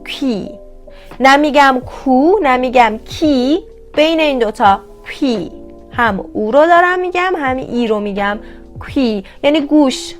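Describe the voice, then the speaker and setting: Patient woman teaching vowel sounds. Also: on the high side. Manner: patient, addresses viewers as kids, repeats sounds slowly. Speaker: Korean language teacher. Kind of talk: online language lesson.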